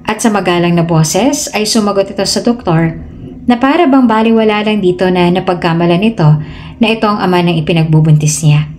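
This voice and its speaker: A woman storyteller narrating a dramatic tale in steady scripted narration. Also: medium pitch. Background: soft background music.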